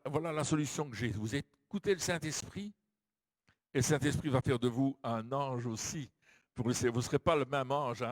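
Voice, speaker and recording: A middle-aged man preaching a lively sermon, telling stories and acting out the voices of the people in them, with frequent fillers. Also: mid-range voice. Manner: animated, acts out quoted voices, frequent fillers. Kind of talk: sermon with storytelling. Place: large hall. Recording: dry close mic with long hall reverb.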